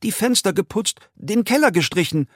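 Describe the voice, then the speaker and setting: A man voicing a frightened young laborer in an audiobook, with a high, cracking and slightly hoarse voice. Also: lively intonation, normal speed, fairly bright tone, no echo, studio quality. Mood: panicked. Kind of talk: audiobook reading.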